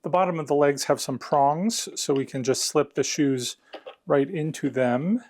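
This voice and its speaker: A man's voice: on the high side, a little slow, darkish tone. A man narrating a hands-on unboxing and review in a casual, conversational, explanatory way. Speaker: product reviewer.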